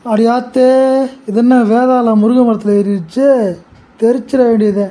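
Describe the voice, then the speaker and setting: A bumbling old father-in-law, voiced by a performer, who teases his wife. His voice sits at a middling pitch, with playful banter in a comedy skit. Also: fairly even intonation, moderate pace, mellow, lightly acted. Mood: teasing. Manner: teasing, bantering.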